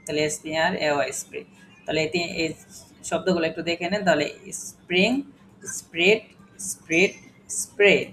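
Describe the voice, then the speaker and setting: A man's voice: fairly high pitch, fairly bright tone, a little hiss or hum, poor audio. A man teaching an English class, patiently spelling words letter by letter and quizzing his students. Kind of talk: classroom lesson.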